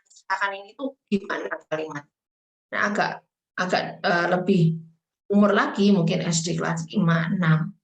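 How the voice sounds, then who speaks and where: A woman's voice: on the low side, fairly even intonation, normal speed, vocal fry, lo-fi sound. A woman giving a webinar lecture over a video call, explaining patiently and often checking in with the listeners as she goes. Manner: explanatory, frequent tag questions and fillers. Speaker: webinar speaker on trauma. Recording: echoey room.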